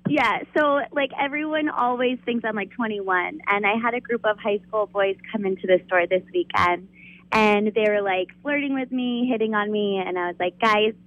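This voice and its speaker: A woman's voice: mid-range voice, normal speed, no room sound, narrow, tinny audio. A woman in her thirties calling in to a radio show, telling a story with a giggly, bubbly manner. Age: 30s. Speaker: caller. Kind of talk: phone-in story.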